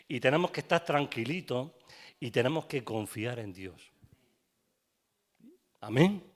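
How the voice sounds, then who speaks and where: Spanish pastor man preaching real slow in church, lots of amens and questions to the crowd. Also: mid-range voice, a bit bright. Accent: Spain. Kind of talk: sermon.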